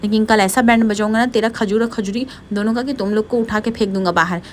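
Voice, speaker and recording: A woman voicing a hot-tempered, blustering young husband in a quick Hindi serial retelling. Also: mid-range voice, steady tone, slight background noise, close to an everyday voice. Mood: angry.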